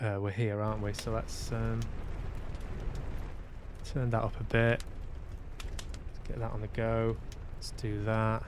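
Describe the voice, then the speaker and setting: Slight background noise sits under this man's lowish voice and darkish tone. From Manchester, UK, he hosts a casual gaming livestream, hesitantly musing aloud to himself.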